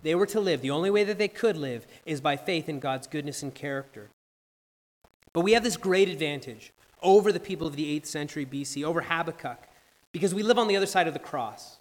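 A man preaching a sermon as pastor, earnest and rising to slow, emphatic declarations. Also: on the high side, animated, in a large hall, low-quality recording.

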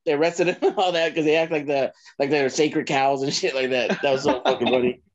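A man's voice: on the high side, steady tone, muffled recording. A man telling funny road stories in casual chat, laughing and swearing. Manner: laughing, profane, quick storyteller. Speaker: guest, former wrestler. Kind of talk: casual storytelling.

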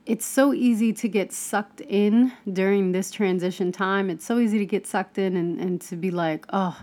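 A woman giving a casual spiritual self-help talk, conversational, with many fillers and restarts and animated, mock-exasperated asides. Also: mid-range voice, normal speed.

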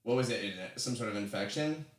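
A man's voice: medium pitch, fast. A young man co-hosting a podcast, joking around and swearing casually as he chats. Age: young adult. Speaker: podcast co-host. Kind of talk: casual chat. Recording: roomy echo.

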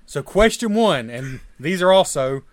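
A man co-hosting a podcast banters casually in a thick, deep Southern US accent, his diction slightly mumbled. He sounds animated but talks a little slowly.

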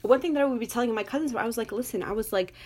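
A young woman with a Moroccan family background, chatting casually and telling animated personal stories, full of fillers and laughter. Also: a little high, rapid-fire. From Moroccan family, grew up in an English-speaking country. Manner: animated storytelling, lots of fillers, laughs often. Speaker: guest. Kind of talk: casual chat.

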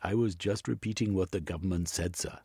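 A polite, formal Victorian butler, as a male storyteller voices him, speaking up louder than the narration with a gravelly edge. Recorded dry and close. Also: low-pitched, steady tone, a little fast, dry recording, full character voice. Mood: deferential.

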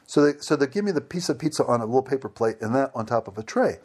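A man's voice: mid-range voice, quick pace. A man casually telling a funny anecdote, acting out both sides of a conversation and laughing along. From United States. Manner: animated, acts out dialogue with laughs. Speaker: storyteller.

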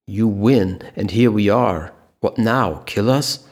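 A man's voice: fairly low pitch, slow. A man voicing a defiant male captive in a thriller story, sarcastic and angry toward his captor.

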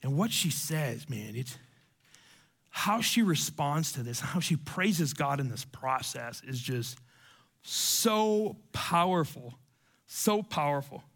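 A man's voice: medium pitch, lively intonation, takes it slowly, creaky, a bit bright, slightly rough. A male preacher giving a conversational, emphatic sermon who repeats phrases for effect.

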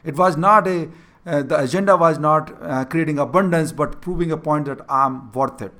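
Speaking at normal speed in a fairly high, bright and forceful voice, this man has an Indian accent and Hindi as his native tongue. He is earnestly coaching someone younger about leadership in a mentoring talk, going back over his key points.

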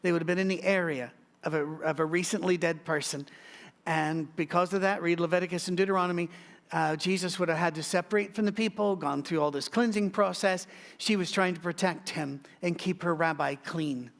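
Middle-aged male pastor, higher voice, sermon delivery with humorous asides. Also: brisk, gravelly, fairly bright tone. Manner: storytelling with joking asides.

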